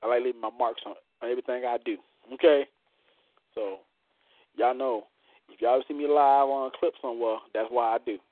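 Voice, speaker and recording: A man's voice: mid-range voice, steady tone, brisk, no echo. Boastful male show host on a tinny line. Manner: boastful, playful, colloquial. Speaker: host of a live poetry show. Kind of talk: casual show hosting. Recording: tinny, narrow-band radio-like line.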